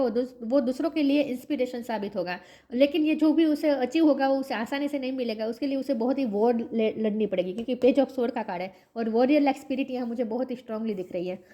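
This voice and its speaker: A tarot reader with a sore, coughing throat does a reading for her viewers, chanting a mantra between card draws and asking slow, repeated questions. Her voice sits high and is a little mellow.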